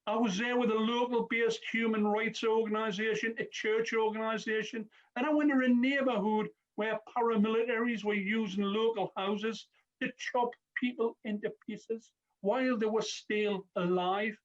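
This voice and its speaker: A man's voice: high-pitched, steady tone, moderate pace, dull audio. A man giving a formal parliamentary speech as a member of parliament, earnest, with occasional stumbles. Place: parliamentary debating chamber.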